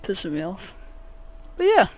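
A man's voice: high-pitched, wildly swooping pitch, moderate pace, husky. A man giving rambling, jokey let's play commentary, swearing often. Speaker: gaming channel host.

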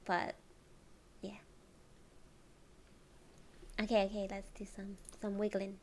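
Streamer woman, casual chatter, lots of giggles and whispery asides, mid-pitched voice with a creaky edge. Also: completely flat delivery, takes it slowly, slight background noise. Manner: giggly, soft-spoken, often drops to a whisper.

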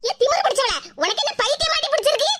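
A hot-tempered village mother in a cartoon scolds in a very high, shrill voice with a Kanyakumari Tamil accent, voiced by a woman. Her speech comes fast and sharp. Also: no room sound. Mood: furious. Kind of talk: animated cartoon voice acting.

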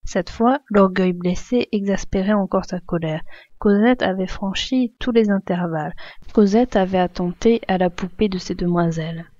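A woman reading a classic novel aloud, expressively, raising her voice for the characters' shouts. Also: lowish voice, no echo, lo-fi sound. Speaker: reader.

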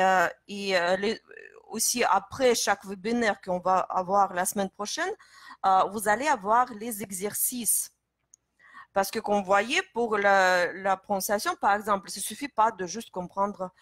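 A woman's voice: medium pitch, a bit bright, dry recording. A woman teaching pronunciation in French, explaining step by step with many hesitations. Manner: explanatory, many fillers and restarts. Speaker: Russian teacher. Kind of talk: live-stream pronunciation lesson.

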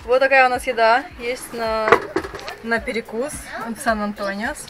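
A woman's voice: a little high, fairly even intonation, measured pace, heavy background noise. A woman in her thirties, a sailing vlogger, chatting upbeat to a handheld camera on the deck of a yacht, with hesitant fillers. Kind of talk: casual vlog narration. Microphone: action camera held at arm's length. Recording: loud music under the voice. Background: loud music.

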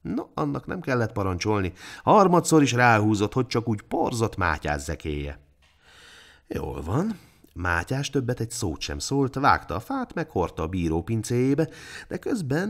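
Man, scripted storybook narration, old-fashioned folk-tale telling, low voice, lively rises and falls.

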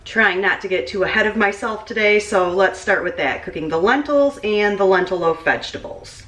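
A woman in her thirties, medium-pitched and a bit bright, talks at a moderate pace while cooking in a small home kitchen. As a cooking vlogger, she chats casually and moves around, so the camera mic catches her from varying distances, sometimes off-mic, with roomy echo.

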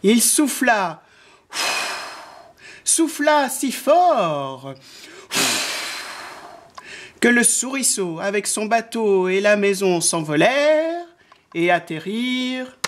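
A woman in her forties reading a children's storybook aloud, slowly and expressively. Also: medium pitch, very animated. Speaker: reader of a children's book.

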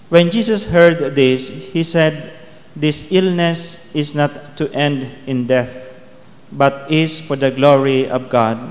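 Male priest reading the gospel slow and solemn, chapel reverb. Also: on the high side. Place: chapel, indoors. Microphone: gooseneck lectern microphone.

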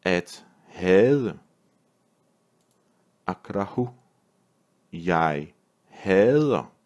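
A man, a language teacher, reading a vocabulary list word by word with pauses and repeating each phrase. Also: low voice, animated, darkish tone, highs cut off. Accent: Danish. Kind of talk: slow vocabulary drill reading.

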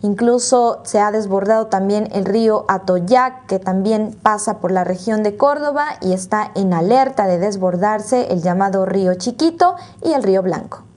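A woman's voice: mid-range voice, moderate pace, hardly any pauses, darkish tone. A woman in her thirties with a Mexican accent, presenting news in a television studio. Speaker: news anchor.

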